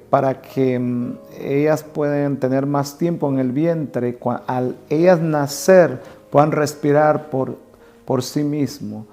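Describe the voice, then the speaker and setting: A man giving a personal testimony in a sermon, speaking haltingly with many fillers. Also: medium pitch, dark tone. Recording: faint guitar music behind.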